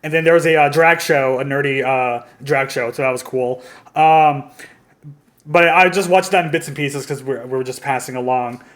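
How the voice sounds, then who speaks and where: A man's voice: medium pitch, normal speed. A man hosting a casual podcast, recalling events in a rambling way with frequent hesitations. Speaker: podcast host.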